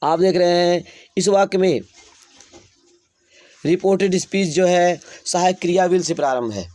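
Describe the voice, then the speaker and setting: Male grammar teacher, mellow tone, slow dictation. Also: high voice, no echo. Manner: slow dictation of example sentences, explaining in Hindi. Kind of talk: classroom lesson.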